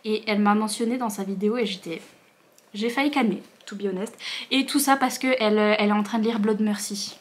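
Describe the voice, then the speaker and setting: A young woman filming a casual book unboxing vlog at home, gushing with quick bursts of excitement and a bubbly, chatty manner. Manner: talks to her dog in a higher voice. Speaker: book vlogger.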